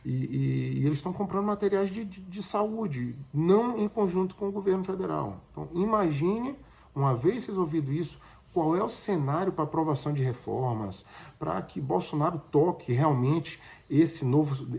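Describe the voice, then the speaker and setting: Gravelly-voiced man on markets. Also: on the high side, expressive, normal speed, darkish tone. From Bahia, Brazil. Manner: talks in loose spoken phrases with frequent tag questions to viewers. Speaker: finance video host. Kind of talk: market commentary to camera.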